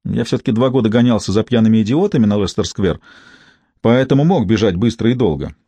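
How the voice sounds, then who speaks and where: Guy reading an audiobook, deadpan ironic, dark warm tone. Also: lowish voice, quick pace, slightly rough, no room sound. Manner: dry, ironic storytelling. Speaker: audiobook narrator. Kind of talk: first-person audiobook narration.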